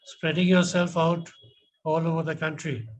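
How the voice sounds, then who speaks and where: Posh sounding indian guy, middle aged, bit high pitched, judge giving measured feedback with lots of hesitation. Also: flat delivery, rough recording. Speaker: competition judge. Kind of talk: spoken feedback and questioning.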